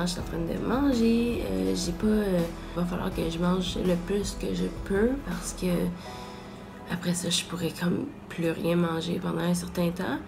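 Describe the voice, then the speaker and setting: A woman's voice: fairly low pitch, creaky. A woman with a Quebec French accent talking casually and candidly to her vlog viewers. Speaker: vlogger.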